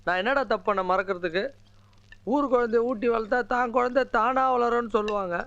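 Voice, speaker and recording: A hot-headed lovelorn villager. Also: male voice, extremely high pitch, a little fast, a bit bright, smooth, no echo. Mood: aggrieved. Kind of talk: film comedy acting. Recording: dull, dry film dialogue track.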